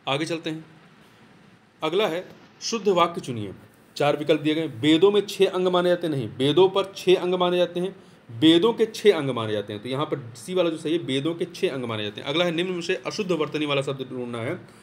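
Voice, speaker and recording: A man's voice: on the high side, expressive, brisk. A man tutoring for a Hindi exam, going through test answers and saying words over again as he corrects them. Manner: explanatory, repeats and corrects words aloud. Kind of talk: test-series answer walkthrough.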